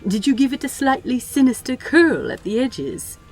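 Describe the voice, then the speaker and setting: A woman's voice: high voice, animated, moderate pace, a little mellow, soft background music. A woman voicing a prim, polite male angel in a fan audio drama, earnest and genteel with a touch of indignation.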